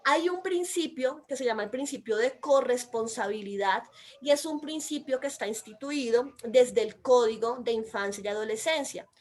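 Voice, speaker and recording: A Colombian woman with a Colombian accent speaks in a high voice, explaining a legal text with emphatic, insistent delivery. She sounds naturally loud, as if she is almost shouting, and keeps pressing her points home. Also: normal speed. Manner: emphatic, calls herself loud and shrill by nature. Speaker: mother and commentator. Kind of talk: explanatory commentary.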